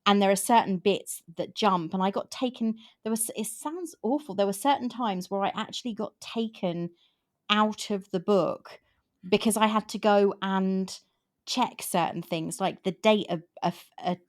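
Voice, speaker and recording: A woman's voice: mid-range voice, normal speed. A woman in her fifties hosting a book podcast, talking in a rambling way with frequent restarts. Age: 50s. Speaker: podcast host. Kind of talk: casual book chat.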